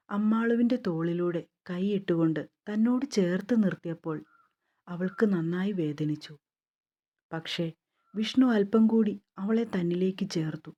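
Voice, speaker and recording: A woman narrating a romance novel in a calm, steady storytelling manner. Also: medium pitch, highs cut off.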